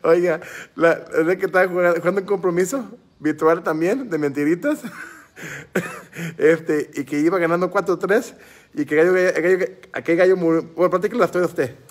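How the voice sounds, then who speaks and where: A man's voice: high-pitched, a little fast. A man hosting a casual chat, rambling and repeating words as he starts his sentences. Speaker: host.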